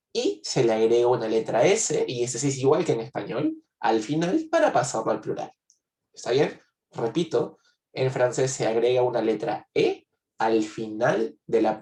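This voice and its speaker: A man's voice: medium pitch, a little mellow, roomy sound, distant mic. A man giving an online language lesson, patiently explaining and repeating points and checking if students follow. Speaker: French teacher.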